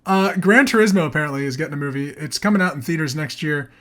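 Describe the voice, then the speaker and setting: This podcast co-host has a fairly high, slightly bright voice and talks fast. He runs through entertainment news in a casual, enthusiastic chat, dropping the occasional easy swear word.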